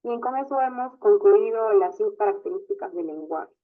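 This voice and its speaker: A teacher walks through a lesson step by step, tagging sentences with little questions to check the class is following. The voice sits at an ordinary middle pitch. It comes through narrow and tinny, like a phone line. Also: normal speed. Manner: explains step by step, constantly adds a questioning tag. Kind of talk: online class lecture.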